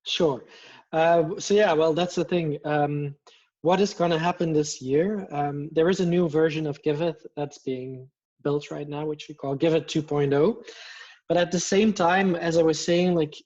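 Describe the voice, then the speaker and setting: Calling in from a room at home decorated with plants and posters, this Belgian guest in his thirties talks eagerly and moves his hands as he speaks, his Belgian Dutch accent reflecting his native Dutch. His darkish voice sits on the high side with fairly even intonation at a normal speed. Heard through a headset, the video call sound is muffled and lo-fi.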